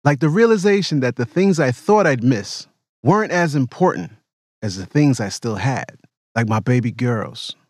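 A man hosting his own podcast, narrating his reflections in a calm, measured way and interviewing family. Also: mid-range voice, dry recording, clean studio sound. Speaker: podcast host.

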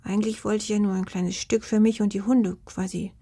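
A woman's voice: medium pitch, fairly even intonation, fairly quick, mellow, breathy edge. A woman voicing a small, cheeky female blue fox with a thin, piping little voice in a storybook. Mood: remorseful.

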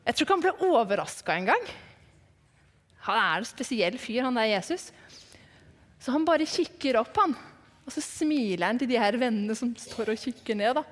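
A woman telling a Bible story to children as if she had seen it, lively and dramatic, dropping to hushed whispers for suspense. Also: on the high side, pauses often. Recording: long hall reverb.

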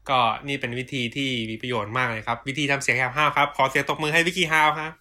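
A young man with a bright, forceful voice hosts a loose chat with friends. He jokes around in crude slang and tacks mock-formal sign-offs onto the ends of his bits. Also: mid-range voice, very fast. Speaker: podcast host. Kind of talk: casual chat among friends.

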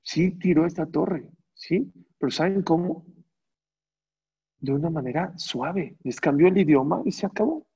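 A man with a slightly raised, gravelly and husky voice gives an emphatic religious talk. He keeps turning to his listeners with rhetorical questions and hammers points home by repeating them. The recording sounds dull and muffled. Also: a little high, lively intonation, unhurried, mellow. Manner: asks the audience rhetorical questions; emphatic, repeats phrases for stress. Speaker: Torah teacher. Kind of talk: religious lecture to an audience.

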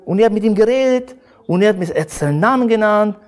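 A man preaching a sermon and telling a personal story in an earnest, halting way, full of restarts. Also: sits high, animated, a little mellow, clear, resonant tone, faint music behind. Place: church hall.

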